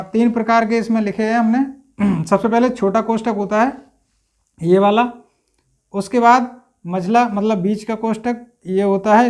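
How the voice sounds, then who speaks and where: A man with a fairly high voice teaching a grammar lesson. He works through it step by step and keeps checking in with his listeners. Now and then he stops to clear his throat. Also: a little mellow. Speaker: Hindi teacher.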